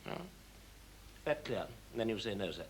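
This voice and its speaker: An actor in a 1970s televised stage drama plays a fussy, impatient, theatrical stage director who bosses his cast through a rehearsal, bossy and excitable. His voice is on the low side with lively intonation at normal speed, lightly acted.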